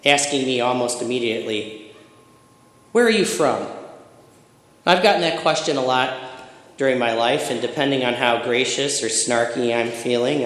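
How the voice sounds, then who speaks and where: A middle-aged man from Michigan is preaching a sermon. He moves through personal stories at a steady, reflective pace and builds emphatic lists. His voice rings around a reverberant hall. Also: mid-range voice. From Michigan, USA. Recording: echoey hall with long reverb.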